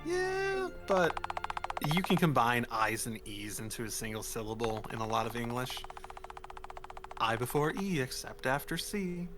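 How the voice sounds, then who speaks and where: Man explaining things over loud game music. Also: mid-range voice, huge pitch swings, measured pace. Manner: explanatory, musing on word sounds. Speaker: streamer. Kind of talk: casual chat during a game stream.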